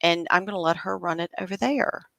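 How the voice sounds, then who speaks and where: A woman's voice: lowish voice, a little fast, creaky, a bit bright, no echo. A woman hosting a casual live interview, chatty and troubleshooting aloud, with a cough drop in her mouth. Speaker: livestream host.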